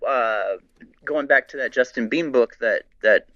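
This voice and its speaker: Man, podcast guest, excitable, rambling, bright edgy tone, dull lo-fi sound. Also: mid-range voice, measured pace, dry recording. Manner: excitable, rambling with many restarts. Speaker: guest, horror writer. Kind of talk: casual podcast chat.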